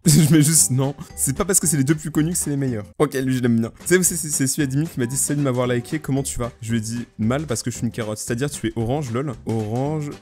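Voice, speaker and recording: A man's voice: mid-range voice, darkish tone. A young man, joking around in a casual vlog and reading messages aloud. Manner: playful, jokey, reads messages aloud. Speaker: YouTuber.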